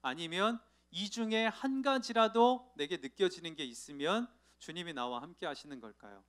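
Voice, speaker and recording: High-voiced pastor preaching a lively sermon. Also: male voice, moderate pace, clear, resonant tone. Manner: lively storytelling, acting out the people in his anecdotes; asks the audience questions directly. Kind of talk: sermon to a youth congregation. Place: church sanctuary.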